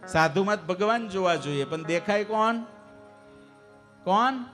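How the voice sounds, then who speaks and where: A man preaching a devotional sermon to a live assembly, asking the audience questions and urging them to answer louder. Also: high voice, animated, measured pace, faint music behind. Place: temple assembly hall.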